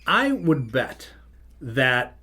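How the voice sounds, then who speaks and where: A man's voice: medium pitch, big pitch swings, extremely slow, pushed and bright, husky. Rambling middle-aged male podcast host. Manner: rambling, self-interrupting anecdotes. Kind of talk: casual storytelling.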